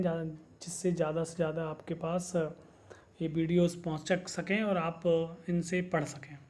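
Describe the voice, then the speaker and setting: A man with a fairly high voice gives an online school lesson. He speaks slowly and with care, sounding out each word several times so students can repeat it. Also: darkish tone. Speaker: Sanskrit teacher.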